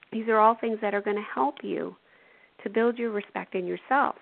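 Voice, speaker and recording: A woman hosting a spiritual self-help radio show, coaching gently with frequent "you know" and "right". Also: mid-range voice, unhurried, gravelly, no echo. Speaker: radio show host and intuitive. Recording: tinny phone-like radio audio.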